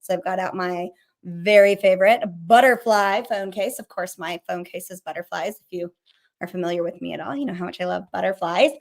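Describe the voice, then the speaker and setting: Fast-talking, chatty middle-aged woman counselor. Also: on the low side, gravelly. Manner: fast and chatty, swears casually. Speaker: licensed counselor hosting a mental health show. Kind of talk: casual teaching while sharing a screen.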